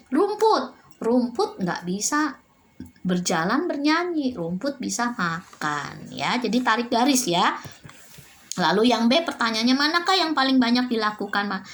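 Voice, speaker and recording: A woman's voice: high voice, fairly bright tone. A woman teaching young children a religion lesson at home, asking them questions in a sing-song way and answering them herself. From Indonesia. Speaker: primary school religion teacher.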